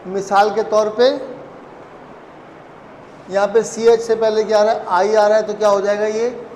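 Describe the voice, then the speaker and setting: A man's voice: sits high, flat delivery, measured pace, darkish tone, echoey room, in a large hall, a little hiss or hum, poor audio. A man whose first language is Urdu, giving a casual spoken language lesson with a chatty, joking manner and lots of fillers. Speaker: German language teacher.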